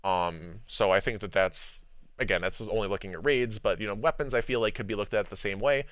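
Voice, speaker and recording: Smooth-voiced man rambling on stream. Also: fairly low pitch, brisk, no room sound. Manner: rambling, repeats words, many fillers; animated when making a point. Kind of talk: casual livestream game discussion.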